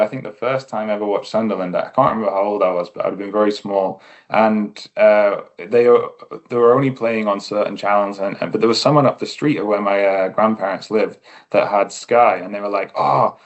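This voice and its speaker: A man's voice: lowish voice, a little fast, dull audio. An English man as a podcast guest, talking in a thoughtful, easygoing way with fillers and restarts. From England. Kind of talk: casual interview chat.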